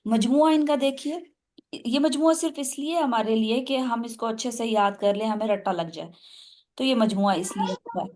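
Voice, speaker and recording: A woman runs an online tajweed class over a video call, walking her students through each rule step by step. Her voice sits fairly high, and she keeps asking questions to check that they follow. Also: slight background noise. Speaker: tajweed teacher.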